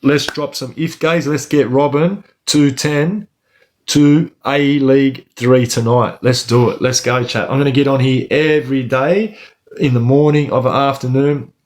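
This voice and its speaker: A man's voice: mid-range voice, fairly even intonation, unhurried. An Australian man telling stories casually on a livestream as host, using Aussie eshay street slang like a local lad.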